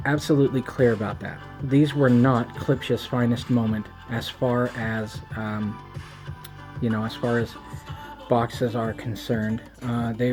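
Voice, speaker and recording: A man gives a casual, rambling gear review in a mellow, relaxed voice with toothless, slightly slurred speech. He comes across as wry, irreverent and self-deprecating, and faint music plays behind him. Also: mid-range voice. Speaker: home audio reviewer.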